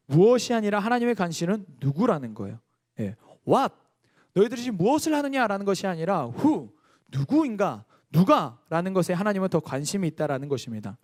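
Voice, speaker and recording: A young man preaching a youth sermon, telling stories with energy and quizzing the young congregation. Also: high voice. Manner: lively storytelling, quizzing the congregation. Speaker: youth pastor.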